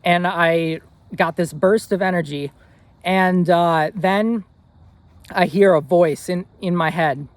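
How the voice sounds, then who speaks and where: A man's voice: high voice, steady tone, takes it slowly, no echo. A young man in his twenties telling a personal story in an earnest, rambling way, with fillers and restarts. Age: 20s. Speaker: vlogger.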